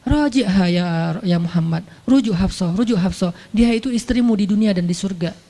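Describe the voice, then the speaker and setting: A male preacher voicing a solemn angel messenger who delivers a message slowly and gravely. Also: high-pitched, dark tone, voice pushed down. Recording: long hall reverb.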